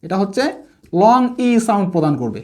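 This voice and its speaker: A woman's voice: mid-range voice, big pitch swings, fairly quick. Patient woman teaching spelling aloud. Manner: patient, repeats and spells letters aloud, asks pupils questions. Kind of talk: classroom phonics lesson.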